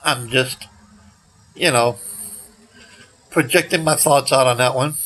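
Outside beside a brick building, an older vlogger in his sixties holds a phone at arm's length and talks in a loose, halting way, frequently trailing off. Recent illness almost cost him his voice, which is still recovering. He speaks at a medium pitch with a sharp tone, and the audio quality is poor.

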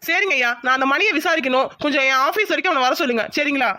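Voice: sits high, fast, bright, forceful tone, no echo. A stern cartoon police inspector. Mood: reassuring. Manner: firm, insistent questioning. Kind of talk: cartoon voice acting.

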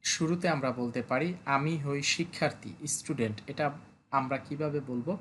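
A male language teacher slowly going through vocabulary, repeating each word several times and explaining how to pronounce it. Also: mid-range voice, fairly bright tone, slight background noise. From Bangladesh. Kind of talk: vocabulary lesson, explaining pronunciation. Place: language school classroom or study.

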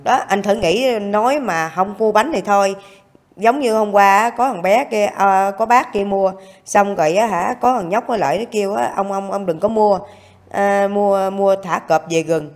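A woman's voice: mid-range voice, normal speed. A woman being interviewed about her family, speaking in an indignant, insistent way. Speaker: interviewee, wife. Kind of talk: casual interview talk.

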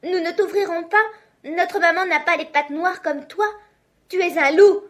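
A woman voicing a chorus of small, young goat kids in a children's story, shrill and crying out. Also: expressive, normal speed. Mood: defiant.

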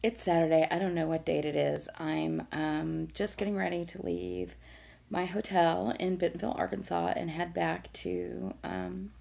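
A woman's voice: on the low side, normal speed, gravelly, darkish tone. A middle-aged woman vlogging casually in a hotel room, rambling and interrupting herself as she goes. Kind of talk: casual vlog chat. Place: small hotel room, indoors.

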